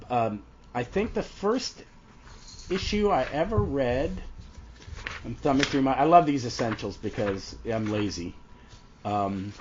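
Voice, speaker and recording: A podcast host in his fifties talks casually in a medium-pitched voice that's froggy and congested from a head cold, rambling and breaking off mid-thought. The recording has its highs cut off and carries a bit of hiss or hum.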